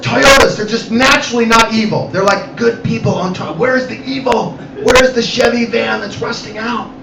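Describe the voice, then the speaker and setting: A man performing animated stand-up comedy storytelling in a cafe, acting out characters as he goes. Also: very high-pitched, normal speed, gravelly. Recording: echoey cafe room, distant mic, loud noise.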